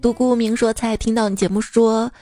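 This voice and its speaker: A young woman hosts a light comedy podcast, reading listener jokes aloud in a lively, casual voice that sits a bit high for a woman. She often laughs at her own material, and soft music runs behind her. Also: fairly quick.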